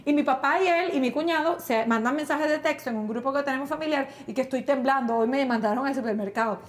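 A woman in her thirties with a Venezuelan accent, co-hosting a comedic talk show and ranting in an animated, exasperated way. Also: sits high, fast talker. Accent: Venezuelan Spanish. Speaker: co-host. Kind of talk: casual comedic banter.

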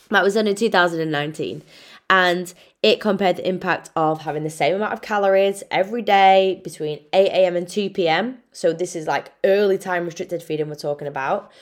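A young woman with an Irish accent and a lowish voice hosts a solo nutrition podcast. She talks in a frank, chatty way, drops casual swearing and calls her listener babe.

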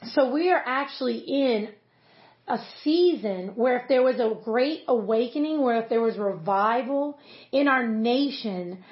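A woman pastor giving an earnest, conversational devotional teaching, with many casual fillers. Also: a little high. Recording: roomy, slightly dull recording.

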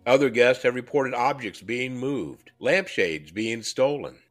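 A man's voice: mid-range voice, a little slow, soft background music. A man hosting and narrating a ghost story, dramatic in the telling and chatty between tales. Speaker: host and storyteller.

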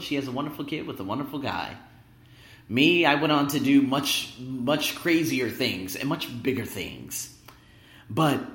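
A man in his thirties hosting his own podcast, talking emphatically and rambling in a motivational monologue, recorded in an echoey room at his workplace. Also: mid-range voice. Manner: animated, emphatic, rambling and conversational. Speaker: podcast host. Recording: echoey room with big reverb.

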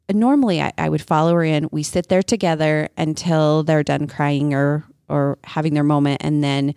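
A woman in her thirties co-hosting a podcast, telling a family story in a casual, animated way. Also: low voice, no room sound, studio quality. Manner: animated, acts out family members' voices in her retelling. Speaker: podcast co-host.

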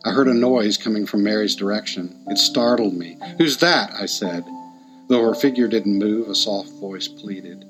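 A man narrating a reflective story in a slow, thoughtful way. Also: fairly low pitch, rough recording. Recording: music playing behind.

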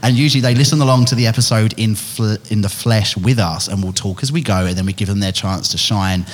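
A man's voice: lowish voice, fast. A man with an Essex accent, hosting a podcast in casual, jokey chat with guests around a table. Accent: Essex English. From England. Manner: chatty, jokey, playful. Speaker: podcast host.

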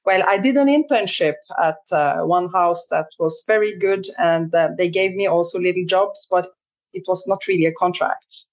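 A woman's voice: fairly low pitch, normal speed, muffled recording. A woman from Norway, a photographer and non-native English speaker, answering interview questions hesitantly and searching for words. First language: Norwegian. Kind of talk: casual interview.

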